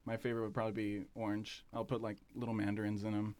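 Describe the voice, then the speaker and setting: A man talking as an interview guest about his café, relaxed and rambling, with plenty of fillers and restarts. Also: lowish voice, fast talker, no room sound. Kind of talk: casual interview chat.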